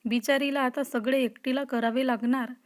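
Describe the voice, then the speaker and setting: A woman's voice: high voice, steady tone, normal speed, natural voice. Shy flustered college girl, read by a woman. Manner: defensive, mildly scolding.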